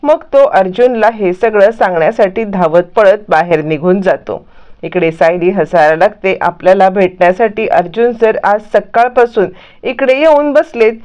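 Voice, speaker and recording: Lady retelling a tv episode step by step, smooth voice, kinda muffled audio. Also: medium pitch, moderate pace, a little mellow. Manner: plain retelling with many "asa mhatlyavarti" links. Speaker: storyteller retelling a TV serial episode. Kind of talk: casual story recap narration. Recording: muffled lo-fi recording.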